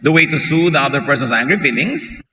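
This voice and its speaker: A man's voice: fairly high pitch, expressive, brisk, noisy background. A man with a Filipino accent preaching a sermon, mixing Tagalog and English, quoting scripture and joking with the congregation. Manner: switches between Tagalog and English, quotes scripture, jokes with the congregation. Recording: long hall reverb, faint room ambience.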